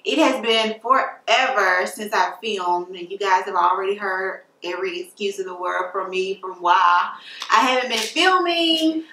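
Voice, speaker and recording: A beauty vlogger in her late twenties chats casually in a question-and-answer video, upbeat and full of fillers. Her mid-range voice is pushed and bright, and she speaks unhurriedly. The room is echoey, with the mic placed at a distance.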